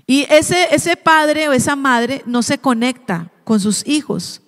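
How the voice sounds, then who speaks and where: Woman preacher, high voice, lively, interactive sermon, asks the congregation questions, long church hall reverb. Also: slow pace. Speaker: preacher at a family service.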